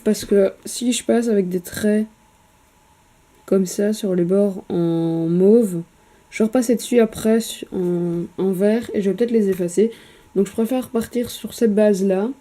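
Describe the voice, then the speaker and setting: A woman with a very dark, mellow voice talks through painting a miniature in a casual vlog. She is hesitant and chatty, with lots of fillers and casual swearing. The sound comes from a camera mic at a home painting desk. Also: medium pitch.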